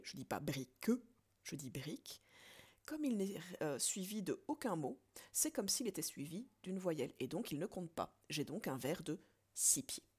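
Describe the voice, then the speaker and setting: A woman teacher walks through a recorded lesson step by step. Her voice sits a little low and swings widely in pitch as she slows down to count out syllables. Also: darkish tone, slightly rough. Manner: explains step by step and counts syllables slowly aloud. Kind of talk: recorded French lesson on poetry.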